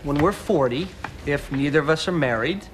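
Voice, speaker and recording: A man's voice: a little high, expressive, normal speed, slight background noise, natural voice. An actor playing a young man who reassures and teases his friends, in a sitcom. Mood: reassuring. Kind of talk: sitcom acting.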